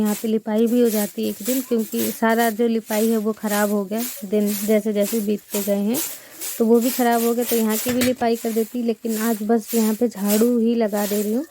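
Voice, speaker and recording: This young Indian village vlogger, whose throat is sore, keeps up casual, rambling chatter with her viewers, addressing them as friends as she sweeps and plasters her house with mud. Her slightly high, mellow voice moves little in pitch at a normal speed, with a little hiss or hum.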